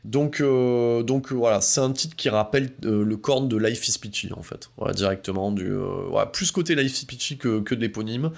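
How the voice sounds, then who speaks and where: A man's voice: mid-range voice, moderate pace, gravelly, few pauses. A man giving a casual spoken album review, hesitant with lots of fillers and restarts, but enthusiastic and informal. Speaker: music reviewer.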